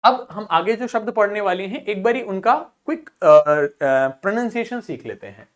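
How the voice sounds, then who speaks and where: A woman teaching a vocabulary lesson to students, explaining terms, asking check questions and repeating each word slowly for pronunciation practice. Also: mid-range voice, expressive. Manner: drills pronunciation by slow repetition; asks rhetorical check questions.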